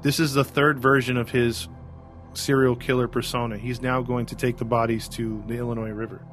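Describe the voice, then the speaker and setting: Faint music plays behind this mid-range male voice, which is level in tone, a little fast, and fairly bright. As a podcast co-host, he chats loosely about a true-crime case, wandering off track and often starting his sentences over with plenty of fillers.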